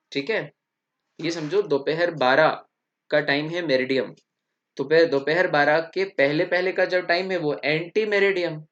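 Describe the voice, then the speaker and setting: A man's voice: a little high, a bit bright. Indian man teaching English, lo-fi sound. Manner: explains step by step, asks "theek?" often. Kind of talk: classroom lecture. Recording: dull lo-fi recording.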